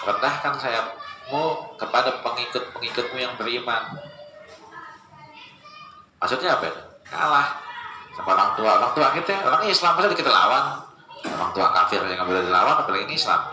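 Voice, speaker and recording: A man giving a casual religious study lecture, joking and animated, mimicking voices as he quotes people. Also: on the low side. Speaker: Islamic preacher. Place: lecture space with a live gathering. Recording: echoey room with ambient noise.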